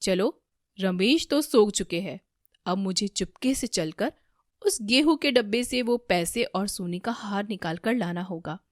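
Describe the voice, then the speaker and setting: A woman's voice: medium pitch, lively intonation, measured pace, no room sound, studio quality, close to an everyday voice. A woman voicing a scheming young daughter-in-law who steals from her family, in a cartoon story. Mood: sly. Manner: sly, scheming asides, panicky when caught.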